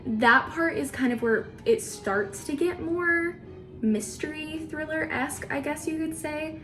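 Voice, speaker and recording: A woman with a somewhat high voice chats casually to her viewers. She talks as a book vlogger sharing an informal update. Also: a little slow, a bit bright, soft background music. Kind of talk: casual chat to camera.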